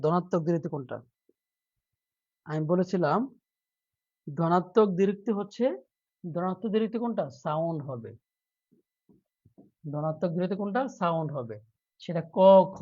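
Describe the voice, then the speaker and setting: The audio is dull, and the man's high, darkish voice comes through as he teaches a live online class. In a playful manner he performs a mock plea before the lesson, then repeats his questions to quiz the students and urges them to reply.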